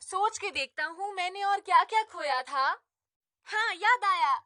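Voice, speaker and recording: A woman's voice: extremely high pitch, expressive, a little slow, pushed and bright, no room sound, clean studio sound, heavily acted. A woman voicing a lazy, easily crying schoolboy in a cartoon dub, whining and wailing dramatically. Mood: whiny. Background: background music.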